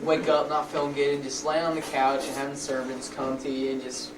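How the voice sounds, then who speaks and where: A man's voice: medium pitch, monotone, a little fast. A man presenting an amateur talk show and its ads with informal, casual phrasing. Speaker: mock talk show host and ad pitchman. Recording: echoey, noisy, distant amateur camcorder audio.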